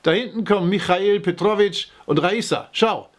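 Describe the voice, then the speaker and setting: A man's voice: high voice, moderate pace, pitched above the performer's own voice, natural voice. A man reading aloud, voicing an easygoing, practical male villager in an audiobook. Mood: casual.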